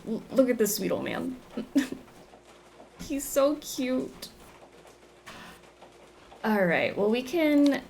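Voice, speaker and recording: A woman's voice: medium pitch, slight background noise. A woman giving playful, casual game commentary and reading on-screen text aloud. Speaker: game streamer.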